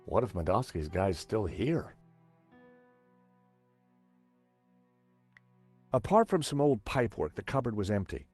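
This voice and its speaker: A man's voice: lowish voice, very animated, a little fast, a little mellow, breathy edge, soft background music. An actor playing a wry amateur sleuth, narrating his observations as video game voice-over. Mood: observant.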